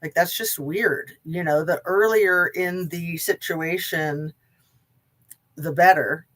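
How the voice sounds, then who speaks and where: A woman's voice: on the low side, slow pace, a bit bright. A woman hosting a casual live true crime stream, chatting to viewers in a rambling way, her diction slightly impeded by braces and wax in her mouth.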